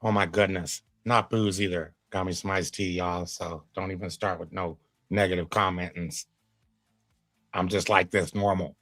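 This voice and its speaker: Low-pitched man, laid-back streamer, chatty and moralizing; dry mic, faint music bed. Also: steady tone, normal speed, fairly bright tone, no echo. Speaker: reaction streamer. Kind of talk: casual commentary on a clip.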